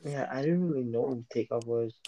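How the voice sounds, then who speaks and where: A man's voice: mid-range voice, a little fast, warm tone, slight background noise, poor audio. A young man co-hosting a casual podcast, hesitant and full of fillers. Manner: hesitant, lots of fillers and restarts. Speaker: podcast co-host. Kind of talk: casual chat.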